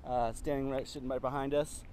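A man's voice: mid-range voice, level tone, brisk, a little mellow. Chatty man walking a car lot. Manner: chatty, upbeat, many filler ums. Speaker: car dealership finance manager. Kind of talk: casual walk-and-talk promo. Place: outdoor car lot, sunny. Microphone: phone camera at arm's length.

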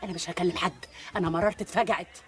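A woman's voice: lowish voice, fairly even intonation, very fast, close to an everyday voice. An actress with an Egyptian accent playing a weary older working-class mother who scolds and complains. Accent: Egyptian Arabic.

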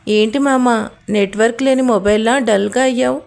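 A woman's voice: a little high, fairly even intonation, moderate pace, vocal fry, darkish tone. A woman voicing a cheeky, cocky young man who teases his friend in an audio story. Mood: teasing. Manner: teasing, cocky. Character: skinny cheeky young male friend, joker.

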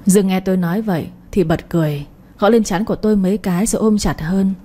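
Woman narrator, warm soft late-night storytelling, mid pitch. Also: fast talker, breathy edge. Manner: soft, emotional first-person reading. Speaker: audiobook storyteller.

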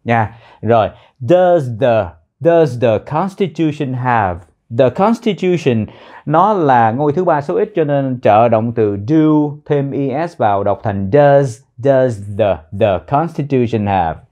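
Male teacher, lively pitch, slow repeated pronunciation drills, dull lo-fi audio. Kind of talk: citizenship test lesson.

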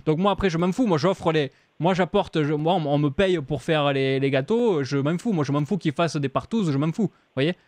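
Play a man putting on a pushy, foul-mouthed caterer with a thick Marseille accent, slightly high and dry, with no room around the voice; stay blunt and offhand the whole time. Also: fairly quick, hardly any pauses, a little mellow, dry recording, natural voice. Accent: Marseille, southern French. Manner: blunt, offhand, casually vulgar. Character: crude, pushy male party caterer from near Marseille. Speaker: prank caller posing as a client. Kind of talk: phone prank role-play.

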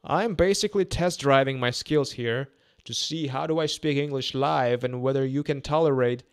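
A man's voice: mid-range voice, moderate pace, smooth. A man in his twenties with a Russian accent, a native Russian speaker, gives casual live boxing commentary, often repeating himself and hesitating. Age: 20s. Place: small indoor room. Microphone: close podcast microphone on a boom arm.

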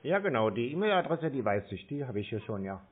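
A man's voice: mid-range voice, big pitch swings, fast. Agreeable man on a tinny phone line. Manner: agreeable, rambling, narrates his steps. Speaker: call recipient stringing along the caller. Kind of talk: casual phone conversation.

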